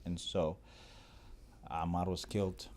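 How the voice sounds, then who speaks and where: Deep-voiced man cracking jokes. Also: level tone, a little mellow. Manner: joking, quick interjections. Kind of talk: casual chat.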